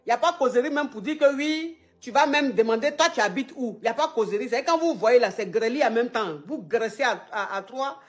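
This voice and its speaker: A woman's voice: on the high side, lively intonation, brisk, hardly any pauses. A woman hosting an advice show, talking casually and teasingly with a caller and repeating her phrases. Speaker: advice show host, relationship coach.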